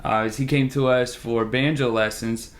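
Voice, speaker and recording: A man's voice: mid-range voice, steady tone, moderate pace. A man co-hosting a casual chat about coffee and music lessons, easygoing and agreeable. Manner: easygoing, agreeable, frequent laughter and short affirmations. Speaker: music teacher and co-host.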